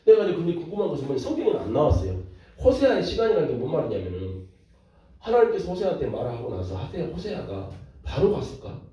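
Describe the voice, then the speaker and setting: A man preaching as a pastor, lively and full of rhetorical questions to his listeners. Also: fairly high pitch, fast talker. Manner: animated, rhetorical questions to the audience. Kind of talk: sermon lecture. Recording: echoey room from far off, dull lo-fi.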